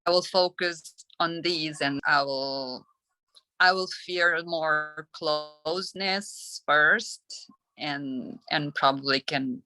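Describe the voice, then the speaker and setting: A woman in a meditation class, sharing a personal reflection in a hesitant, halting way. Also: sits low, bright, forceful tone, poor audio. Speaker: class participant. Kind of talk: sharing in a group discussion.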